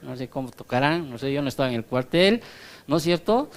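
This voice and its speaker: Pastor quizzing his listeners, smooth voice. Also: mid-range voice, animated, fairly quick. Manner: checks on listeners with constant tag questions; explains by analogy in a conversational teaching tone. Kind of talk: Bible study sermon.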